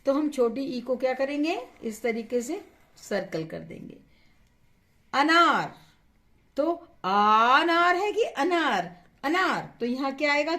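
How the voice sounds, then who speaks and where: A woman teaching how to write and pronounce vowels, asking questions and answering them herself, and stretching the sounds to show them. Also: on the high side. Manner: slow, patient, asks questions then answers them; stretches vowels to model pronunciation. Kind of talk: instructional lesson.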